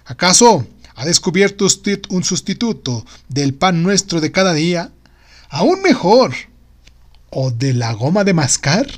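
A man's voice: sits high, very animated, measured pace, heavily acted. A man voicing a sceptical, sardonic patent office director in an audio storybook, wordy, mocking and officious. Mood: curious, teasing.

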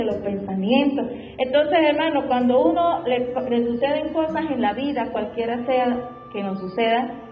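A woman preaches a fervent sermon and returns again and again to her refrains. Her voice sits a bit high, and the room echoes around her. The recording sounds dull and lo-fi, with soft music underneath. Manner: fervent, repeats "hermano" and "gloria al Señor".

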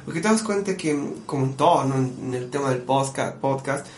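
Animated man in an echoey room. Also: mid-range voice, fairly quick. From Bolivia. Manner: animated storyteller, often calls the listener "brother". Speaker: musician and producer, podcast guest. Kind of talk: casual podcast conversation. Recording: echoey room with faint background noise.

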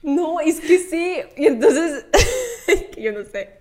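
A woman's voice: very high-pitched, takes it slowly. A young woman with a Mexican accent, chatting casually as a podcast co-host, telling self-mocking stories with a lot of laughter. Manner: animated, self-mocking storytelling, laughs often. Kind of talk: casual chat.

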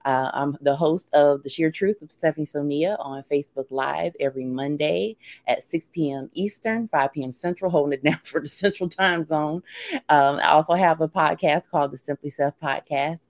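A woman's voice: low voice, normal speed, no room sound. A woman pastor and songwriter co-hosting a casual chat, bubbly and playful with frequent laughter. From Alabama.

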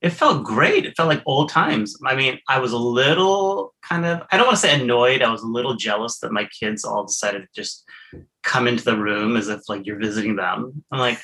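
Casting: male podcast co-host, slightly nasal with a bright edge, wry and joking, easy storyteller. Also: mid-range voice, brisk. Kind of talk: casual chat.

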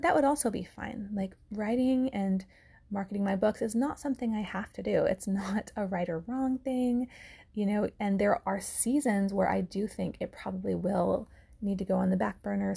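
A woman, hosting a casual solo podcast in an earnest, reflective way with soft laughs. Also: medium pitch, normal speed, vocal fry, breathy edge. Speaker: podcast host and author.

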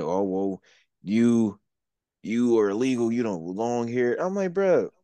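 A man's voice: medium pitch, darkish tone, no room sound. Blunt profane man, casual podcast talk. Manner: blunt, profane, argues as devil's advocate. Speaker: podcast co-host. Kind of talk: casual chat.

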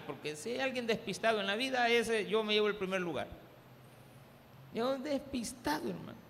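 A Salvadoran man preaches to his congregation, slipping into jokey anecdotes and calling out "hermano". His voice sits high with a rough, gravelly edge. The recording carries a long church-hall reverb over faint background noise. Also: fairly bright tone. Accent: Salvadoran Spanish. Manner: humorous storytelling, addresses the congregation as "hermano". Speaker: pastor. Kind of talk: sermon with personal anecdotes. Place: church service.

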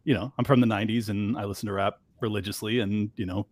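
A man's voice: on the low side, fast, no echo. A man hosting a casual podcast, joking and asking questions in crude banter. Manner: animated, joking, asks questions. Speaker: podcast host.

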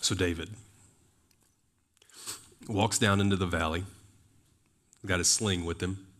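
A man's voice: deep voice, fairly even intonation, slow pace, fairly bright tone. A man preaching a sermon in a loose, conversational way, full of fillers and rhetorical questions. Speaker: pastor.

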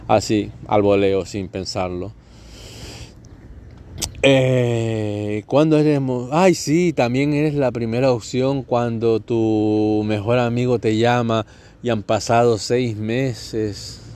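A man's voice: lowish voice, mellow, slight background noise. A man from Catalonia, hosting a podcast in a sarcastic, profane comedic monologue. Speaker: podcast host.

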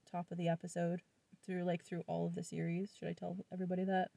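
A woman co-hosting a casual podcast, talking in a chatty, expressive, teasing way. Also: fairly low pitch, quick pace, creaky, no room sound, far from the mic. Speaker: podcast co-host. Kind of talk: casual chat.

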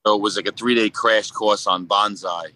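A man with a Brooklyn accent talking casually as a podcast guest, in a halting, rambling way full of "you know". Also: on the low side, steady tone, sharp tone. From Brooklyn, New York. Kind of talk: casual conversational interview.

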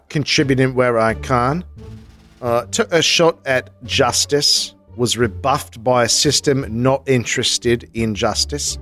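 A man playing a brash, eager talking mongoose with an English accent, pompous and excitable in an improvised comedy sketch. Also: medium pitch, lightly acted.

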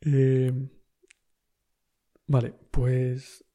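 Un hombre con acento de España que cuenta una anécdota en tono informal, relajado y con risas frecuentes. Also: male voice, mid-range voice, monotone, very slow, warm tone. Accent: Spain Spanish. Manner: laid-back anecdotal, laughs often, slangy. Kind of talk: casual storytelling.

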